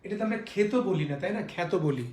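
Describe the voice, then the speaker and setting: Guy teacher lecturing, says every rule twice and drags out the example words, fairly high voice, bit of room echo. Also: a little mellow. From Bangladesh. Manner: repeats each rule and says example words slowly and deliberately; asks the class rhetorical questions. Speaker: college teacher. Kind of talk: classroom lecture on spelling and pronunciation. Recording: echoey room.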